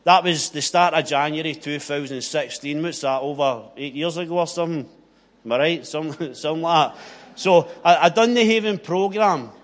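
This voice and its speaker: Man, broad west of Scotland accent, slightly high-pitched voice, earnest, plain-spoken, personal testimony, repeats key phrases. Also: moderate pace. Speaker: speaker giving personal testimony.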